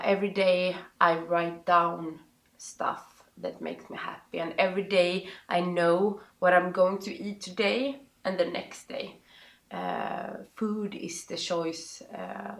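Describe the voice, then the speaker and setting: Slow, creaky-voiced Swedish-accented woman. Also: on the low side, fairly bright tone. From Sweden. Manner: halting, searching for words with many pauses. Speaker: interview guest. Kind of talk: interview answers, personal advice. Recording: roomy, echoing sound.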